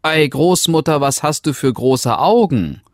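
A trusting little girl from a fairy tale, as a man reading aloud puts her on, naive and full of wondering questions. Her lines sit high in a lively, swinging pitch, in a dry, close recording. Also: a little slow, no room sound. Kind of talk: storybook reading.

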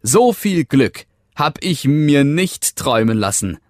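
A man's voice: fairly low pitch, slow, no room sound, clean studio sound. A man voicing a young swan, once the ugly duckling, rejoicing from the heart in a storybook reading. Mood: jubilant.

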